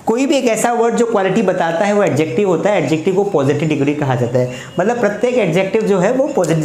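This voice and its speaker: A male teacher gives a casual grammar lesson, explaining slowly and turning key words into quiz questions by repeating them. His pitch is fairly high with a darkish tone, recorded in an echoey room with faint background noise.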